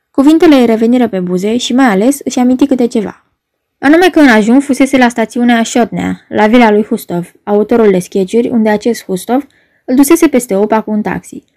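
A woman reads a novel aloud in a measured, wry storytelling manner. Her voice sits a little high for a woman. The delivery is steady literary narration. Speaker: audiobook narrator.

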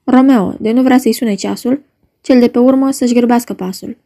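Stern duke read by a woman, measured, mellow voice. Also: on the high side, steady tone. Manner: measured, commanding. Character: stern ruling duke, solemn authority. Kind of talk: dramatic reading of a play.

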